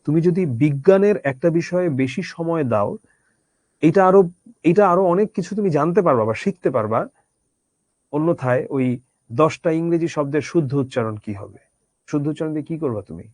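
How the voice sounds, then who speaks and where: A man's voice: fairly high pitch, lively intonation, moderate pace, a little mellow, dry recording. A man teaching a literature lesson conversationally, asking his students rhetorical questions. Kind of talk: Bangla literature lecture.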